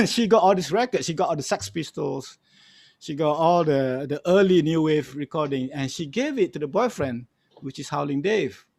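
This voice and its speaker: Speaking with a fairly high pitch at normal speed, this Malaysian-accented music archivist sounds animated, gravelly and a touch breathy. A middle-aged panel guest, he shares stories in a casual, emphatic way, repeating himself and using "you know" a lot. The recording is dry.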